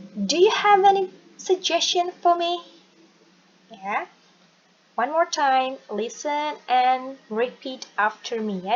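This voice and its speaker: A woman English teacher with an Indonesian accent, explaining a lesson and modeling phrases slowly for students to repeat. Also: mid-range voice. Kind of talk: recorded classroom lesson. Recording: dull lo-fi recording with faint noise.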